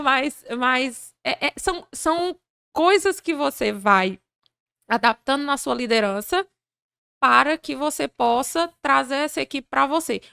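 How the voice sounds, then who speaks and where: A woman as a podcast guest, talking about leadership in a lively conversational way and acting out the people in her stories. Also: high voice, creaky, smooth, dry recording, clean studio sound. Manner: animated, acts out dialogue in her stories. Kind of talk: conversational interview.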